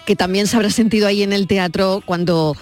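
An Andalusian woman hosts a radio panel at a middle pitch. She steers the conversation and keeps checking that her guests agree. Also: steady tone, fairly quick, darkish tone, soft background music. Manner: leads the talk, often asks for agreement. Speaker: radio host.

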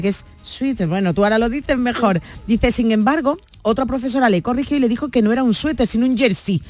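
A woman hosting a casual radio talk show, chatty and quick to read out news items. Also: a little high, darkish tone. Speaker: radio host.

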